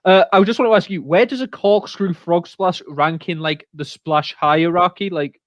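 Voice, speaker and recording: A man co-hosting a podcast in casual chat, excitable and quick to laugh. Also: high-pitched, no echo. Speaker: podcast co-host.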